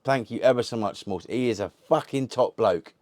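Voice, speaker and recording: A man who hosts a retro gaming channel rambles to camera in a casual unboxing chat, swearing constantly and restarting his sentences. His mid-range voice has a darkish tone, normal speed and no echo.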